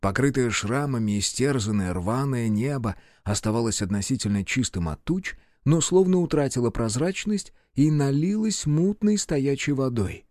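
A male narrator reads dark fantasy in a measured, expressive voice of middle pitch, with a lively rise and fall through each sentence. The recording is dry and close, with no room sound. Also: no echo. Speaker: audiobook narrator.

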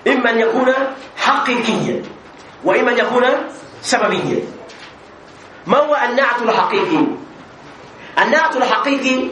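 A man teaching an Arabic grammar class as a sheikh, asking questions, answering them himself and repeating example phrases. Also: very high voice. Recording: echoey room with faint background noise.

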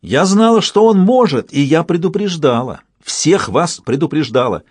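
Guy putting on a shrill old woman elder yelling at everyone, higher and louder, dry sound. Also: expressive, moderate pace, breathy edge, no room sound.

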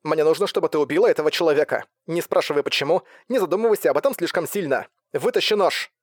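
A man's voice: on the high side, expressive, normal speed, no echo, studio quality, voice pushed up. A man voicing an urgent, commanding young woman giving orders over a radio link in an audiobook. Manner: commanding, insistent.

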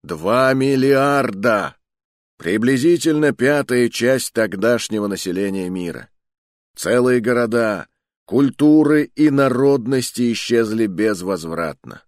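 A man's voice: mid-range voice, expressive, measured pace, darkish tone, dry recording, clean studio sound, voice pushed up, natural voice. A man voicing a thundering adult male mentor who gives a grand, declamatory speech to young trainees in an audiobook. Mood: declaiming.

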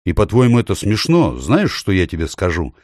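A man reading an audiobook, voicing an excitable, irritable schoolboy. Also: low-pitched, fairly quick, no room sound, clean studio sound. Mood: indignant.

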